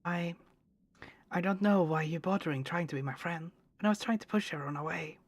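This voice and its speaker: A woman voicing a shy, anxious young man who confesses his feelings in a soft, shaky voice. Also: on the low side, fairly quick, no echo. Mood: tender nervous.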